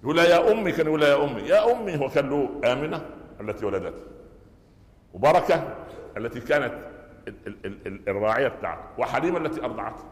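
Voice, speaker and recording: Egyptian male preacher, middle-aged, brisk storytelling sermon, roomy hall reverb. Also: medium pitch, animated. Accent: Egyptian Arabic. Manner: storytelling, asks the audience rhetorical questions. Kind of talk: Friday sermon. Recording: echoey hall with long reverb.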